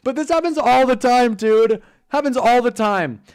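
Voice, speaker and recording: This streamer host is a twenties-aged man from Southern California with a Californian accent. His very high voice is clear and resonant at a moderate pace as he tells animated, casual stories, swearing along the way.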